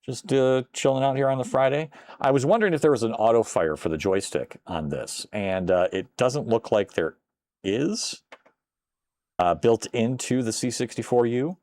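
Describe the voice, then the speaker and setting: A man's voice: mid-range voice, normal speed, darkish tone, dry recording. An older man casually commenting while playing a retro computer game on a live stream, chatting with viewers and exclaiming at close calls.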